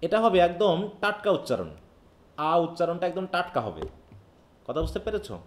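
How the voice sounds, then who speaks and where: Patient teacher explaining phonetics, echoey room. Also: male voice, sits high, sing-song, brisk. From Bangladesh. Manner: explains patiently, often checks if students follow. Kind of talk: live online phonetics class.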